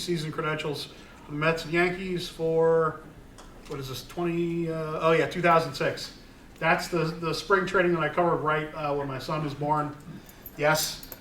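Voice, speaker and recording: A middle-aged sports photographer giving a casual talk to an audience, rambling with many fillers and restarts. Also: male voice, a little high, pushed and bright, slight background noise. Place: room with an audience. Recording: roomy, distant recording.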